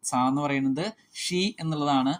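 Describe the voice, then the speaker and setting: Man slowly reciting lesson word forms. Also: on the high side, fairly even intonation. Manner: repeats word lists and asks himself questions. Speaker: teacher. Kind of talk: explaining a school lesson.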